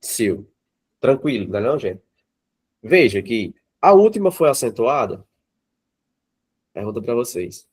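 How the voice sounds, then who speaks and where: A man's voice: mid-range voice, big pitch swings, moderate pace, pauses often, darkish tone, husky. Brazilian male teacher, mid-range voice, runs a live class and keeps asking the students questions. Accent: Brazilian Portuguese. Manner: checks in with the class often, asks the students questions. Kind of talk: classroom grammar lesson.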